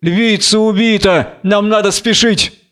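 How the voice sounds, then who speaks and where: A frightened warrior companion, as a male reader puts him on, pressing urgently and anxiously. The voice sits high, smooth and resonant, with a steady audiobook-drama delivery. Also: measured pace.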